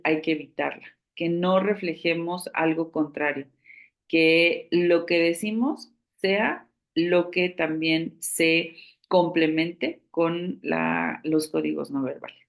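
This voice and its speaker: Slow, gravelly-voiced woman instructor. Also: sits low. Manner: measured, explanatory, pauses to search for words. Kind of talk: online training lecture.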